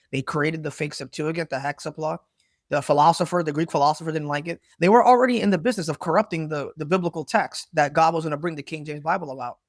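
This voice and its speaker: A man's voice: a little high, no echo, studio quality. A man giving unscripted Bible teaching, rambling and correcting himself, often checking in with "right?".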